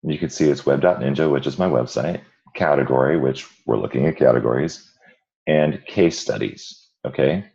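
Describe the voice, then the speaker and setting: A man hosting an informal online tutorial, explaining in a halting way with a hoarse, croaky frog voice from a cold. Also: very deep voice, mellow, dull audio. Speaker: webinar host and instructor. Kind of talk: informal screen-share tutorial.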